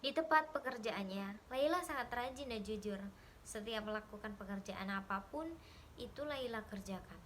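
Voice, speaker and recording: A young woman with a high voice reads a short story aloud as a literature student's exercise. Her delivery is careful and steady, with the odd stumble and restart. A faint hum of background noise sits behind her. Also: normal speed, rough recording. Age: young adult. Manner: careful reading with small slips and restarts.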